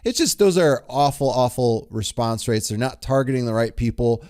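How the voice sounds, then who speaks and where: A man's voice: mid-range voice, expressive, moderate pace, darkish tone, clean tone. A man hosting a casual interview, introducing his guest with enthusiasm and often repeating his words. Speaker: host.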